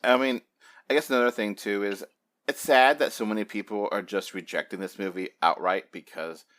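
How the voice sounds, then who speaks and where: A man's voice: on the low side, a little fast, a bit bright. A man co-hosting a movie review podcast, talking casually with exasperated asides. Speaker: podcast co-host.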